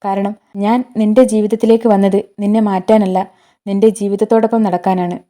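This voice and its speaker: A woman voicing a gentle, steady husband and stepfather, speaking calmly and reassuringly. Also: mid-range voice, fairly quick, lightly acted. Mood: tender. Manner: calm, reassuring.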